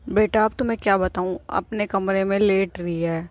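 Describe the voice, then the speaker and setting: A woman's voice: mid-range voice, steady tone, moderate pace, no echo, lightly acted. A woman voicing a scheming, bossy old mother-in-law in a cartoon, scolding and nagging. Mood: falsely sweet. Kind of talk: cartoon voice acting.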